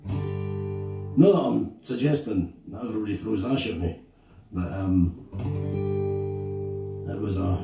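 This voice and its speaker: A Scottish man, a singer-songwriter, telling a story between songs at a live gig in a slow, halting, reflective way. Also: on the low side, expressive, creaky. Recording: echoey room, distant mic, guitar behind.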